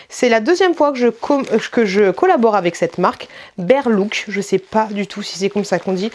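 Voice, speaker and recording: Rambly mom vlogger chatting casually, kinda high-pitched voice. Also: female voice, slight background noise. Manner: chatty, rambling, with many fillers and restarts; talks affectionately to her child off camera. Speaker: vlogger showing a try-on haul.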